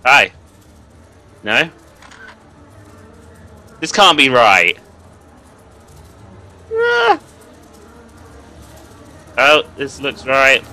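A man's voice: medium pitch, lively intonation, drawn-out words, long pauses, pushed and bright. A young man, nervously commenting and swearing while playing a horror game for viewers. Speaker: gaming video host.

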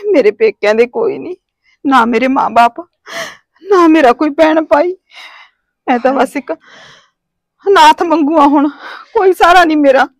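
A woman's voice: sits high, brisk, dry recording. A woman playing a sobbing, pleading cast-out wife. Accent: Punjabi. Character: tearful homeless wife begging for work. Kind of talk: village family drama acting.

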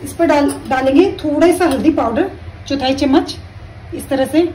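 A woman calmly explaining each step of a recipe while she cooks at her stove at home. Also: sits high, moderate pace, distant mic, a little hiss or hum, poor audio. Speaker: home cooking teacher. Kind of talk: step-by-step cooking instruction.

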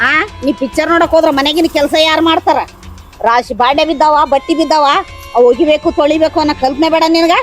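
A woman's voice: high-pitched, fairly even intonation, fast, faint music behind, natural voice. A woman with a North Karnataka accent playing a harsh, scolding stepmother-in-law in a village family drama skit. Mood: bossy. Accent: North Karnataka Kannada. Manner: taunting, scolding.

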